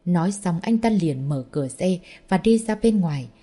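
A woman reading a serialized romance story aloud, narrating and voicing every character in an even, steady manner. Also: fairly low pitch, moderate pace. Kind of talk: scripted audiobook narration.

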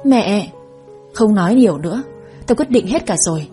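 A woman's voice: medium pitch, animated, moderate pace, dark tone, faint music behind, lightly acted. A woman voicing a stern, middle-aged rural mother who scolds and insists on getting her way.

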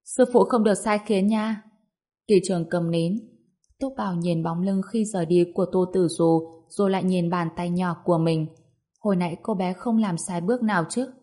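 Low-voiced woman storyteller. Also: brisk, dark tone. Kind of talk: scripted story narration.

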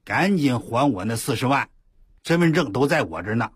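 A man voicing a menacing male debt collector who issues threats on the phone, in a raised, husky voice. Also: mid-range voice, animated, brisk, no room sound, studio quality, pitched above the performer's own voice. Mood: threatening. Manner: threatening, demanding.

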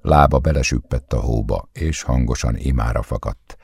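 A man reading a novel aloud as a calm, measured audiobook narrator. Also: rumbling low, husky, no room sound, studio quality. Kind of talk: scripted narration.

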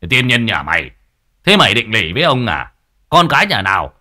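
A man voicing a loud, short-tempered old village man who scolds in booming shouts. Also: sing-song, moderate pace. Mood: angry scolding.

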